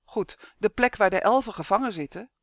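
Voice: mid-range voice, moderate pace, dry recording, clean studio sound, pitched above the performer's own voice, lightly acted. A reader voicing a stubborn, earnest young boy who insists with pleading emphasis, in an audiobook. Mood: determined. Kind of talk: audiobook character voice.

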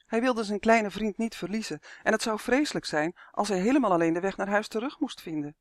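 A narrator reading a children's fantasy story aloud in a lively, expressive storytelling manner. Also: mid-range voice, brisk, no echo, clean studio sound. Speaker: audiobook narrator.

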